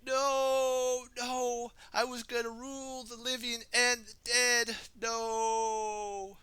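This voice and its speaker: A man's voice: extremely high pitch, expressive, measured pace, dry recording, voice pushed up, full character voice. Man putting on a shrieking skeleton villain. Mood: panicked. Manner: triumphant shouting, then frantic wailing. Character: boastful four-armed male skeleton villain.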